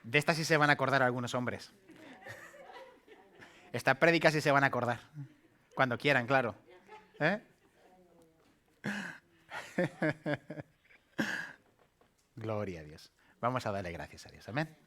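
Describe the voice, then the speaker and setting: A man preaching a sermon as pastor, swinging from emphatic calls to soft asides and playful acted-out voices. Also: medium pitch, lively intonation, unhurried, pauses often. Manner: call-and-response preaching, rising to emphatic peaks then dropping soft; acts out playful asides and voices in a light humorous tone.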